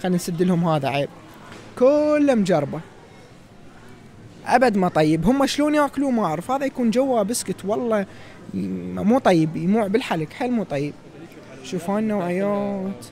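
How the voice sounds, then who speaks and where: A young man in his twenties with an Iraqi Arabic accent, giving chatty, lively tour-guide commentary as a vlogger in a large indoor supermarket, recorded on a handheld phone. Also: sits high, quick pace. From Iraq. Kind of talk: casual walk-through vlog.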